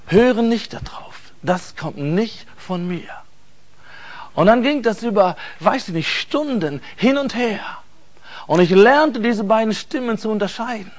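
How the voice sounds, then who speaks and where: A man telling an emotional personal faith testimony, earnest and halting, repeating words for emphasis. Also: high-pitched, highs cut off. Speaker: speaker giving a faith testimony.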